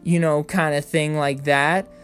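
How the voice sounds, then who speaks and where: A man's voice: on the high side, level tone, measured pace, a bit bright, clear, resonant tone, soft background music. A young man telling his own story in a casual, blunt monologue. He swears freely and rants about family frustrations. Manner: profane, blunt and ranting, mimics his parents in raised voices.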